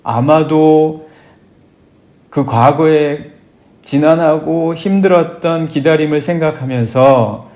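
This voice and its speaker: A man, a pastor, giving an early morning prayer sermon in a calm, conversational way, often affirming himself with a soft "yes". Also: a little high, takes it slowly. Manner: reads scripture aloud and acts out plaintive prayers.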